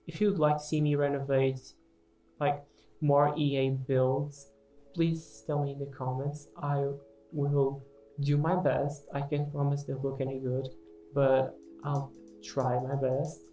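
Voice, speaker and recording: A low-voiced woman, not a native English speaker, talks casually over a gaming video with guitar music behind her. She is hesitant and self-deprecating, and her delivery stays quite flat. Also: takes it slowly. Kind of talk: casual unscripted voice-over commentary.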